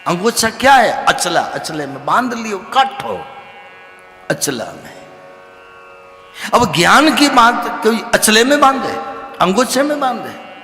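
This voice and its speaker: A man giving an animated devotional scripture discourse as a religious storyteller, sometimes rising to loud exclamations. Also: sits high, slow pace, pauses often, roomy sound, in a large hall, faint music behind. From Rajasthan, India.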